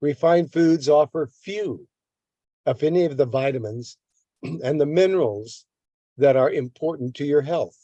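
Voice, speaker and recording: A man's voice: on the high side, a little slow, warm tone, dry recording, dull audio. An older man giving a health lesson, reading a text aloud and breaking off into rants, stumbling and repeating words as he goes. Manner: repeats words, rants at length against a government agency. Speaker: health educator. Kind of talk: reading a text and adding comments.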